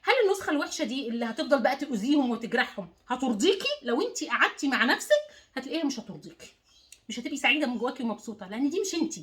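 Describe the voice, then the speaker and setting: A woman's voice: high-pitched, expressive, racing, a bit bright. A woman life coach with an Egyptian accent giving an emphatic motivational talk to the viewer, repeating words and phrases for stress. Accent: Egyptian Arabic.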